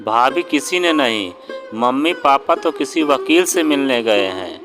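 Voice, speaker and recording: A man's voice: mid-range voice, animated, unhurried, lightly acted. A man doing a tearful, pleading younger brother. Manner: pleading, choked voice. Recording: guitar music underneath.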